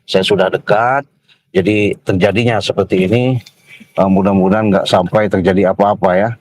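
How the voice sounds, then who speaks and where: A middle-aged man narrating a livestream in a slow, repetitive manner. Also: low-pitched, fairly even intonation, no echo. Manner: slow, repetitive, tags sentences with "ya". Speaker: vlogger livestreaming.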